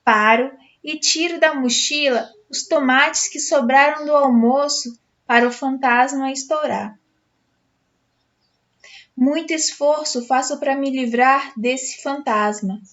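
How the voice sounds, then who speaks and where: A Brazilian woman teacher reading a storybook aloud to schoolchildren in an expressive, dramatic way. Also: high voice, slow pace. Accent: Brazilian Portuguese. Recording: dull lo-fi sound.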